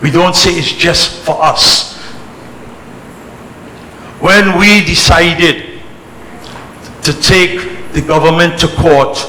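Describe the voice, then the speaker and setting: Born in Trinidad and brought up early in England, a man who leads a religious organisation gives an emphatic, deliberate speech to a community gathering at a temple celebration, using short, repeated phrases. His voice is on the high side, sharp, and fairly even in intonation, amplified through an echoey hall PA with a noisy background.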